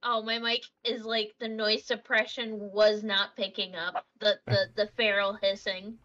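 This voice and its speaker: A woman's voice: mid-range voice, level tone, unhurried, bright, forceful tone, highs cut off. A woman playing in a tabletop role-play over voice chat, teasing and giggly. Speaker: player.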